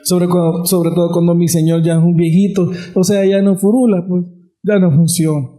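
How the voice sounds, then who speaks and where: A woman's voice: on the low side, fairly even intonation, moderate pace, dark tone, echoey room, lightly acted. A man voicing a doubtful elderly woman. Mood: wry. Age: older. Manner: wry, colloquial, self-deprecating.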